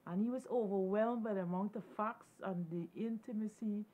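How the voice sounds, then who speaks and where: A woman's voice: moderate pace, dark tone. A woman hosting a televised panel discussion who steers the conversation and invites guests to speak. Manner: affirming, leads the talk. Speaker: host. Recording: tinny phone-like audio with faint rumble.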